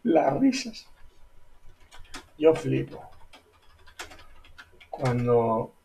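A man giving casual gameplay commentary, excitable, repeating exclamations and squealing high when amazed. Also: drawn-out words, vocal fry, a little hiss or hum. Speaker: gaming YouTuber.

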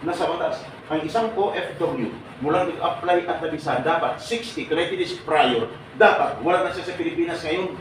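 A man giving a lively seminar talk to a crowd of overseas workers, teasing them, asking them questions and acting out their replies. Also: fairly high pitch, a little fast, hardly any pauses, distant mic. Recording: echoey room, voice from afar, noisy.

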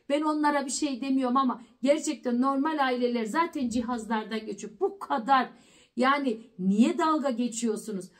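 High-voiced middle-aged woman telling a story. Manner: animated, repeats words for emphasis. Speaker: family vlogger. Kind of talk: casual storytelling vlog.

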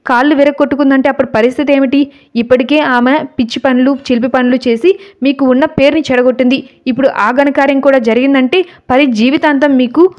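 A stern, harsh uncle lecturing the family, played by a woman storyteller. It is a high voice in a storybook retelling. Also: fairly even intonation, a little fast, a little mellow, dull audio, close to an everyday voice.

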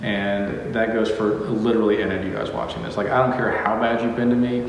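A man's voice: on the low side, fairly even intonation, fast, a little hiss or hum. A man casually explaining house building and flooring in a rambling, joking way, recorded in a bare house under construction. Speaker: home builder vlogger. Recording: echoey empty room, mic far off.

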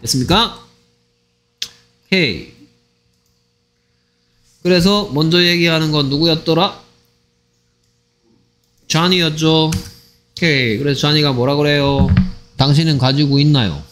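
A man teaching an English lesson for a school exam. He speaks Korean with a Korean accent, draws out English phrases slowly and keeps asking whether the class has followed. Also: a little high, a bit bright, slight background noise. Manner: repeats "됐습니까?" to check understanding; slow, drawn-out delivery of English phrases.

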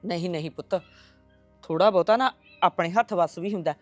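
An actress playing a stubborn mother-in-law who wants a grandson, with a loud scolding Punjabi way of talking. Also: medium pitch, animated, fairly quick, no echo, faint music behind, close to an everyday voice. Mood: coaxing. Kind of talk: village family drama acting.

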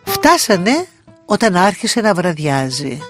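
A woman's voice: on the low side, big pitch swings. A woman narrating a bedtime story expressively, voicing the characters' lines. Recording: dry close recording with soft guitar music.

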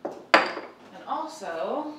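Her voice sits a little high and she's very animated, drawing out her words. She's a woman in her thirties hosting a laid-back cooking demonstration indoors at home, talking informally while thinking aloud. Heavy background noise from chopping, clicks and clattering pans comes through a distant mic in a roomy space.

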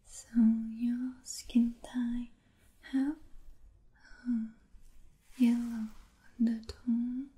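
Gentle young princess played by a woman, Vietnamese accent, whispered role-play; very slow, breathy, extremely soft and mellow delivery. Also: fairly high pitch, flat delivery. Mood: gentle, attentive. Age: young adult. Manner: slow, soothing, attentive, halting short phrases.

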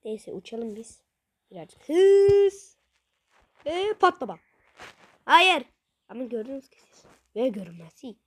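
High, lively young woman gaming. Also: normal speed, breathy edge. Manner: playful, excitable, talks to viewers. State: slightly ill, voice a little changed. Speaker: gaming video creator. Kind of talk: casual gameplay commentary.

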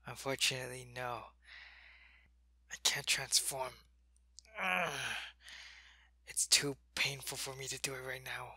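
A man voices a feverish alien changeling soldier in an ASMR roleplay, loyal to his queen but sick, weak, and in pain. He speaks slowly in a soft, husky, gravelly half-whisper with a bright, sharp edge, a mid-range pitch, and flat yet heavily acted delivery that sounds weary and ill. The recording is close and dry, with no echo.

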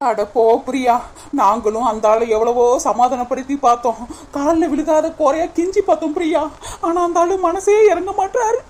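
A blunt older village woman in a cartoon, voiced by a woman. She talks high and mellow, scolding a younger girl with clipped warnings. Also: steady tone, normal speed, lightly acted.

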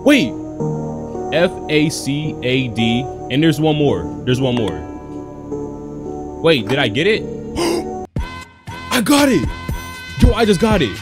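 A man's voice: on the high side, big pitch swings, a little slow, long pauses, music in the background. A young American man giving casual, slangy gameplay commentary as a streamer, reacting aloud into a close microphone. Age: young adult. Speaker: gaming streamer. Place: small indoor bedroom setup.

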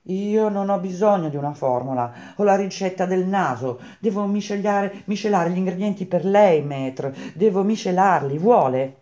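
A man reading a novel aloud, voicing a croaking, insistent young male apprentice in a raised voice. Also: sits high, normal speed, hardly any pauses, pitched above the performer's own voice. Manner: insistent, flat repetition.

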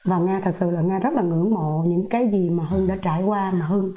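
A woman's voice: fairly low pitch, brisk, highs cut off. A woman hosting an interview, putting questions and agreeing often as her guest talks. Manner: steady backchannel agreement, leading questions. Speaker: host. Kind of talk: interview conversation.

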